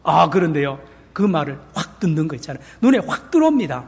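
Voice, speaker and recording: A male pastor preaching a sermon in a church, animated, acting out quotes and asking the congregation questions. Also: on the high side, quick pace, breathy edge. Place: large church sanctuary. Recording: long church reverb.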